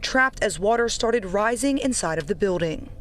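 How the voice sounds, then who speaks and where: A woman's voice: mid-range voice, expressive, moderate pace, a little hiss or hum. A woman working as a news reporter, delivering live field reporting and scripted narration.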